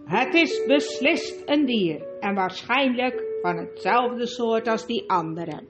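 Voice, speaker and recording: A woman voicing a gruff, stubborn male talking bulldog who argues loudly and insistently. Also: on the high side, animated, slow. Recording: lo-fi with music behind.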